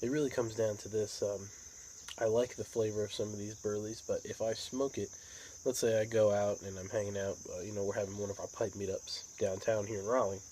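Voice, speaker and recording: American male hobby vlogger, lowish voice, unhurried rambling chat, crickets and outdoor noise behind. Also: little pitch movement, warm tone, rough recording. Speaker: pipe tobacco vlogger. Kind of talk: casual rambling monologue.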